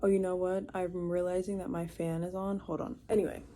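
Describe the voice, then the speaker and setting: Young woman in her early 20s rambling to her camera, kinda low warm voice, lots of ums and likes. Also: little pitch movement, fairly quick, slight background noise. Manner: rambling, chatty, many fillers and restarts. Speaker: vlogger. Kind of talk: casual rambling vlog. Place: her own room indoors.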